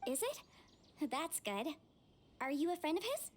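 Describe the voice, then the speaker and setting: A protective young sister in a game. Her voice is high and she talks casually and frankly, with care. There is slight background noise. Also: big pitch swings, a little slow. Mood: caring. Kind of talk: scripted game voice acting.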